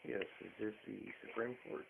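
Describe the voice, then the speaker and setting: A man's voice: fairly low pitch, fairly even intonation, brisk, creaky, slightly rough. A man calling a court office, insistent and argumentative, repeating himself over a recorded phone line. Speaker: caller. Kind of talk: heated phone call. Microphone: telephone.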